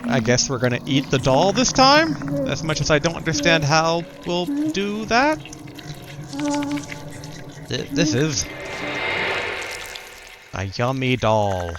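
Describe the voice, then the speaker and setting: A man's voice: a little high, huge pitch swings, measured pace, long pauses, background noise. A man doing casual video game commentary, talking to himself in repeated short phrases and reading game text aloud.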